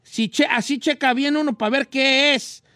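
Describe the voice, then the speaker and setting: A man doing a shrill, excitable old radio host. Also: moderate pace, no echo, clean studio sound. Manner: exclamatory, repeats words and stammers. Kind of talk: radio call-in show hosting.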